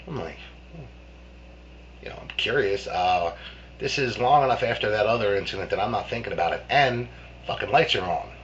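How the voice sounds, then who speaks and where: Man, low voice, rambling profane storytelling, lo-fi muffled recording with faint hum. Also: fairly quick. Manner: rambling, profane, many restarts and fillers. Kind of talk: casual spoken ghost story.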